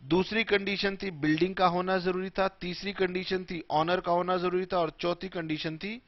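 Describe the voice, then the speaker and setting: A man teaching tax law in a classroom lecture, mixing Hindi and English in a slow, emphatic way. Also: sits high, fairly even intonation, no echo, highs cut off.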